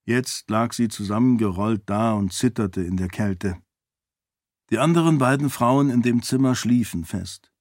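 A man narrating a fantasy novel in calm, even audiobook style. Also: medium pitch, no room sound, clean studio sound. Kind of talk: scripted narration.

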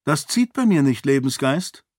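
A man's voice: mid-range voice, very animated, moderate pace, a little mellow, no room sound, voice pushed up. A headstrong young princess, as a male narrator puts her on, stubborn and unyielding. The voice is lifted well above his usual register, and the recording is dry and close. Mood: defiant. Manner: stubborn, determined. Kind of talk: audiobook character voice.

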